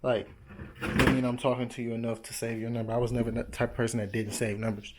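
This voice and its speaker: A young man in his twenties talking to camera in a loose, rambling monologue, full of slang, jumping now and then into excited, higher bursts. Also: quick pace, very noisy. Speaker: vlogger.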